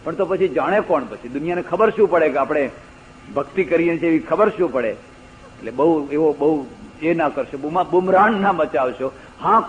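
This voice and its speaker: A man's voice: high-pitched, slight background noise. Older Gujarati man giving a discourse. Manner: storytelling, acts out quoted voices, rising emphatic stresses. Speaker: religious discourse speaker. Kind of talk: spoken religious discourse with anecdotes. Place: lecture hall. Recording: dull lo-fi archival audio recording.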